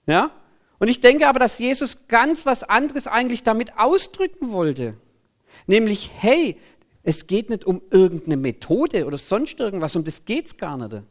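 A man preaching a sermon in an animated, conversational way, often breaking in with 'hey'. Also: sits high, moderate pace.

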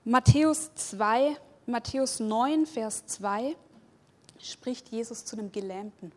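A woman's voice: on the high side, slow pace, a little mellow. A woman preaching a sermon, speaking emphatically, stacking repeated phrases and putting questions straight to her listeners. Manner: addresses listeners directly with questions.

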